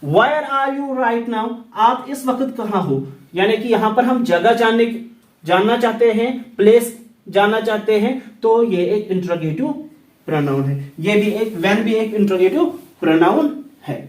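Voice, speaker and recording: Male English teacher explaining grammar, very high voice, echoey room, deliberate repetition. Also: animated, darkish tone, distant mic. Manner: slow, deliberate, repeats English example sentences. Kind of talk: grammar lesson explained in Hindi. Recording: echoey room, set back from the mic.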